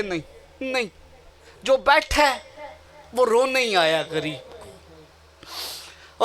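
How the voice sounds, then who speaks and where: A man reciting a Muharram majlis sermon at a mourning gathering, in a weeping, wailing delivery with slow, drawn-out lines. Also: very high voice, sharp tone.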